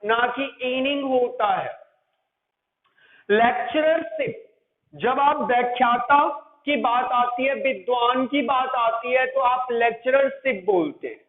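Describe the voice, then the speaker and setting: A man with an Indian accent leads a grammar lesson, correcting mistakes and repeating the right forms over and over. His voice sits very high. The sound is tinny and phone-like, with a roomy echo around him. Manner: repetitive, correcting and drilling. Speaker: English teacher. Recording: echoey room over a tinny lo-fi line.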